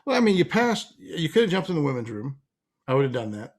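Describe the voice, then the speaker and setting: A man's voice: on the high side, very animated, quick pace. A middle-aged man with a Pittsburgh accent hosting a podcast, teasing his co-host and laughing often as he wraps up the show. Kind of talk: casual podcast chat.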